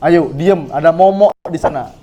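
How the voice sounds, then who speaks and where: A man's voice: a little high, moderate pace, warm tone, natural voice. A man doing a parent coaxing a small child. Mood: coaxing warning. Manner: coaxing and threatening.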